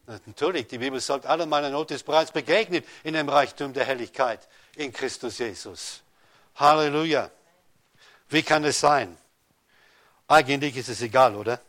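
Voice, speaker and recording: A pastor with a mid-range voice preaches a sermon at a normal pace. He speaks directly to his listeners, posing rhetorical questions and swinging between loud rises and soft drops.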